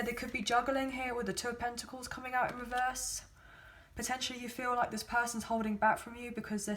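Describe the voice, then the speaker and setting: Her voice runs on the high side, strained by a sore throat as she loses it. As a tarot reader giving a casual spoken reading, she chats and rambles, padding it with hedges and lots of ums.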